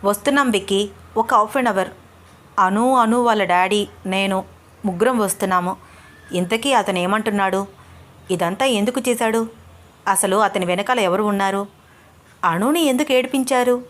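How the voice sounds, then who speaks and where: A woman's voice: medium pitch, moderate pace, long pauses, natural voice. A woman storyteller voicing a protective young man who speaks firmly and gives orders. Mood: urgent. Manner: firm, commanding.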